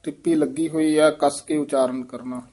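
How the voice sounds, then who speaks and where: A man's voice: on the high side, fairly even intonation, moderate pace, mellow. A man teaching scripture recitation, patiently repeating words and stressing how each should be pronounced. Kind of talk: correcting pronunciation in a recitation lesson.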